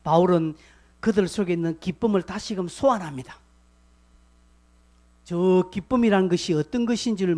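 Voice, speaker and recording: A man pastor preaching a sermon, repeating short commands for emphasis and swinging between loud exhortation and quiet, chatty asides. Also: sits high.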